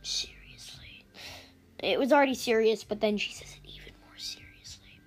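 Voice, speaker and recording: A woman's voice: on the high side, a little fast. A woman hosting a casual podcast, rambling chattily and cutting herself off with giggly asides, recorded on an iPad. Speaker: podcast host recapping books. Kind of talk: casual chat.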